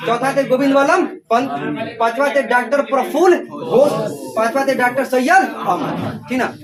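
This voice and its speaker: A man's voice: very high voice, moderate pace. A man teaching a class, firing questions and having students chant the answers back, sometimes telling them to stop the noise. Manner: scolds students for making noise. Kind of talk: classroom lecture with call-and-response drilling. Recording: distant mic, noisy class chatter.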